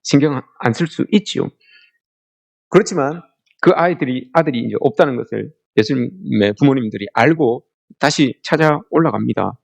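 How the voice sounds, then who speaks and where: A man's voice: medium pitch, creaky. A middle-aged man preaching a family worship sermon, telling stories and asking the congregation questions. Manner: storytelling, asks the congregation questions often; acts out quoted lines in a raised voice. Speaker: pastor.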